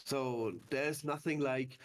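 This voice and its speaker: A man's voice: mid-range voice, steady tone, slow pace. A man, a game director, answering interview questions and explaining things step by step.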